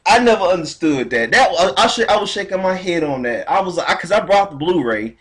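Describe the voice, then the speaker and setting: Laid-back man hosting a podcast, lively pitch. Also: a little fast, slightly rough. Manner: slangy, laid-back, peppers talk with "man" and "bro". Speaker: podcast host. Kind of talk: casual podcast chat.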